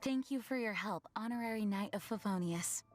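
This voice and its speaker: A woman's voice: mid-range voice, normal speed, close to an everyday voice. A woman playing a composed, dutiful knight commander in a video game, speaking formally and earnestly. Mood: serious, composed. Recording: game audio under loud music.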